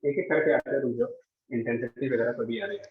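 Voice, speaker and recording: A man's voice: medium pitch, fast. A man with an Indian accent teaching a live physics class, explaining step by step and checking in with his students. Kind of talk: live online physics lecture. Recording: echoey room, dull lo-fi sound.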